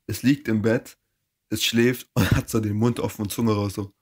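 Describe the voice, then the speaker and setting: A young man in casual chat, reading out facts haltingly and laughing. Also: fairly low pitch, steady tone, slightly rough.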